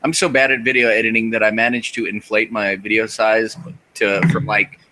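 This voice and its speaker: Man, 30s, podcast host, casual rambling chat, profane, bright voice. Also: fairly low pitch, flat delivery, a little fast, slight background noise, poor audio. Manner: rambling, profane, self-deprecating.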